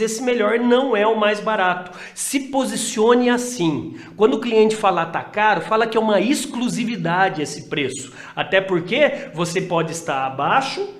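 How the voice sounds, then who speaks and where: A man, a sales and motivation speaker, talking directly to his listeners and calling them friends. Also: sits high. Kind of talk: motivational talk. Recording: very echoey room.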